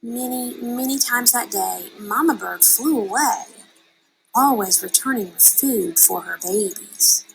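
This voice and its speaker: Slow, expressive woman reading a children's story. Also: on the high side, vocal fry, faint music behind, rough recording. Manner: unhurried, dramatic delivery with drawn-out words. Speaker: storybook reader.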